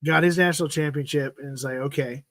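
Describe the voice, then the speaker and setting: A man in his fifties hosts a livestream, rambling fast through a casual sports chat while circling back, repeating "freaking," and trailing off mid-sentence. His voice sits a little high for a man, with a steady tone, and sounds dry and close with no room sound or echo.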